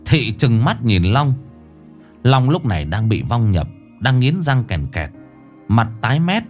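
A man's voice: mid-range voice, sing-song, unhurried, faint music behind. A man narrating a ghost story in a colloquial, crude and dramatic manner.

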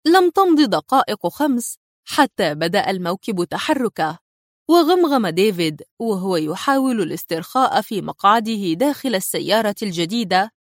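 A woman narrating a thriller audiobook in a dramatic, expressive reading style. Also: mid-range voice, normal speed, no echo, studio quality.

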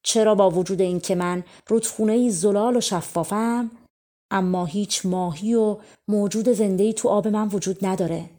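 A woman voicing a proud, ancient talking river in a fairy tale, speaking loudly. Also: close to an everyday voice. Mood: booming. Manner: loud, booming.

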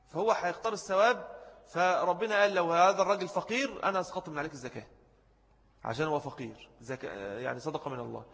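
A man's voice: a little high, fairly bright tone, long reverb tail. A man with an Egyptian Arabic accent giving a religious jurisprudence lesson. He explains each ruling, repeats the key points and answers student questions as he goes. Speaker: religious teacher.

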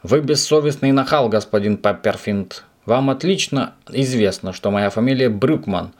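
A man voicing an angry, loud middle-aged landlady who scolds her lodger. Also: lively intonation, brisk, lightly acted. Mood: indignant. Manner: shrill, scolding, indignant.

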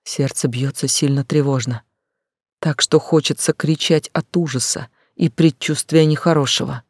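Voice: medium pitch, steady tone, normal speed, slightly rough, no echo, studio quality. An audiobook reader telling a first-person dramatic story with emotional, urgent delivery. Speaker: audiobook narrator.

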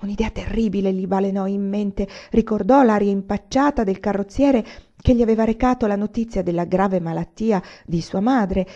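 Mellow-voiced woman reading a novel. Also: mid-range voice. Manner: measured, expressive reading. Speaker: audiobook reader. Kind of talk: literary audiobook narration. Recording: slightly dull lo-fi recording.

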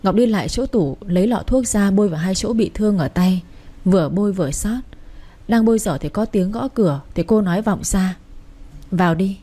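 Female storybook narrator, even delivery, mellow timbre. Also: mid-range voice, brisk.

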